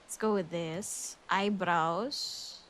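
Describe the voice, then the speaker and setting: A young Filipina streamer draws out her words in a fairly low, steady, slightly bright voice, with a little hiss or hum in the audio. Speaking English with a Filipino accent, she chats casually and giggles as she thinks aloud on a game livestream.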